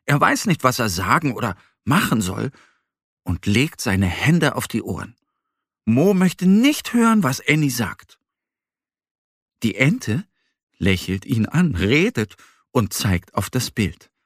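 A man gently and expressively reading a children's story aloud. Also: mid-range voice, very animated, slow, no room sound, studio quality. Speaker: narrator.

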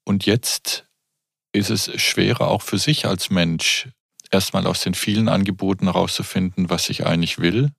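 A man's voice: sits low, fairly even intonation, moderate pace, creaky, a bit bright, breathy edge, dry recording, studio quality. A man in his fifties hosting a podcast, talking reflectively and often searching for words with fillers. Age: 50s. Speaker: podcast host. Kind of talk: reflective conversation.

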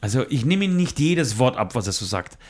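A man's voice: medium pitch, big pitch swings, a little fast. A man in his forties on a casual podcast, rambling through a confession story, swearing and acting out both sides of phone calls. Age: 40s. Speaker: podcast co-host.

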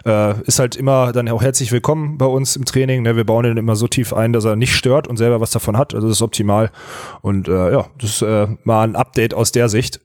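Fast-talking, excitable man. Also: medium pitch, no echo, studio quality. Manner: enthusiastic, rambling with many restarts. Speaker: podcast co-host. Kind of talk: casual podcast chat.

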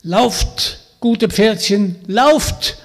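A man voicing a strong young fairy-tale hero who gives orders and calls out loudly. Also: medium pitch, expressive, slow pace, slightly rough, heavily acted. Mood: commanding. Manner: commanding, calling out. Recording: long hall reverb.

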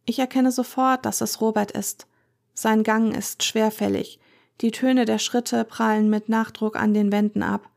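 A woman narrating a first-person story in a measured, tense way. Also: a little high, gravelly, darkish tone. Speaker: audiobook narrator.

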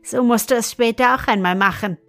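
A woman's voice: a little high, brisk, fairly bright tone, no room sound, faint music behind. A woman reading an evil old wizard. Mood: scheming. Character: evil old male wizard who lures children.

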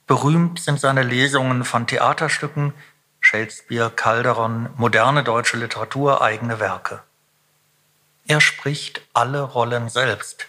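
A man's voice: medium pitch, fairly even intonation, a little slow, bright, forceful tone. A man hosting a podcast, reading a scripted, composed and informative narration. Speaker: podcast host.

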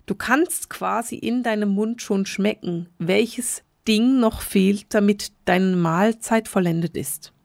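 A middle-aged woman talks very fast and urgently as she hosts a solo teaching podcast. Her voice sits at an ordinary middle pitch. It is recorded dry, with no room sound. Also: creaky, a little mellow, no echo. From Switzerland, grew up in Bern. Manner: talks very fast and urgently, repeats words for emphasis. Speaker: podcast host, spiritual medium.

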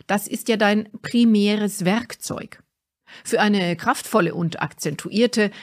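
A middle-aged woman, a speaking coach, giving a clear and deliberate instructive talk from a script. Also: fairly low pitch. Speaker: speaking coach and podcast host.

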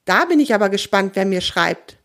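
A woman voicing a kindly middle-aged woman who keeps pigeons, in a warm, chatty manner. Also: mid-range voice, big pitch swings, moderate pace.

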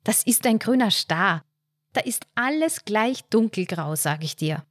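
A woman voicing an excitable, stubborn elderly wife in a read short story. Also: medium pitch, measured pace, dry recording, clean studio sound, pitched above the performer's own voice. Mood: defiant. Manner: excited, insistent, triumphant.

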